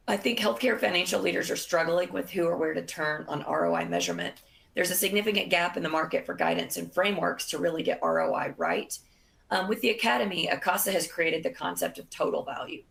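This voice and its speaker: A woman presenting a business webinar, losing her voice, in a measured delivery with frequent fillers. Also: on the low side, vocal fry, a bit bright.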